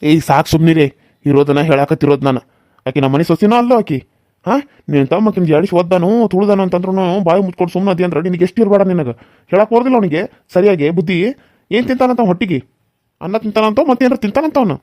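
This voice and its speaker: A man's voice: sits high, quick pace, darkish tone, dry recording, clean studio sound, lightly acted. A man voicing a stern middle-aged father-in-law in a cartoon serial, scolding and lecturing.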